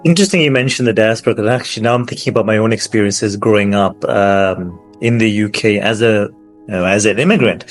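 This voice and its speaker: Man, middle-aged, podcast host, casual and halting, faint music under. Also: fairly low pitch. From Pakistan, raised in the UK. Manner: casual, halting, many restarts. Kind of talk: conversational interview.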